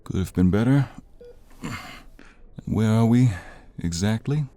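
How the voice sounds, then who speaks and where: A man with a fairly low, gravelly, husky voice that's animated yet mellow plays an injured young mobster in an intimate audio roleplay. The character is a devoted, protective lover, and he speaks haltingly, sounding anxious and groggy.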